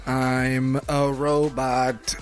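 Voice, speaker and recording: A man doing a robot voice, speaking slowly and flatly like a machine as a joke on a comedy podcast. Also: medium pitch. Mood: robotic. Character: stiff male robot, slow and mechanical. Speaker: podcast co-host.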